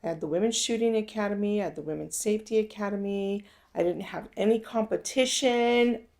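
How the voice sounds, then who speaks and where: A woman's voice: mid-range voice, a little fast, a little mellow. A woman telling a personal story in a casual, conversational way, speaking straight to her listeners. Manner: conversational, addresses listeners directly. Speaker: self-help speaker.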